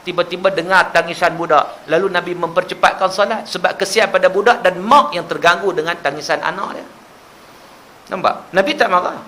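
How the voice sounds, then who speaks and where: Man, preacher, high voice, bright tone, storytelling with humor. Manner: lively storytelling with humor and rhetorical questions. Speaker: religious preacher. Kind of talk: animated sermon. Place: mosque prayer hall.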